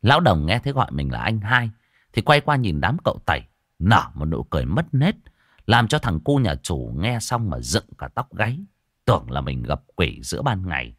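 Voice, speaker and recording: Lively male ghost story narrator. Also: deep voice, normal speed, no room sound, studio quality. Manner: expressive, dramatic reading.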